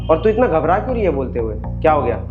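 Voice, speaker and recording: A man's voice: a little high, very animated, racing, narrow, tinny audio, music in the background. A man playing a suspicious male house servant who keeps questioning and accusing the maid.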